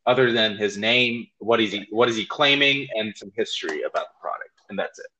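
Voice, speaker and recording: A man's voice: fairly low pitch, brisk, sharp tone, poor audio. A man co-hosting a casual podcast chat, laughing easily and choosing his words carefully. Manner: laughs while telling stories, hedges his wording. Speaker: podcast co-host.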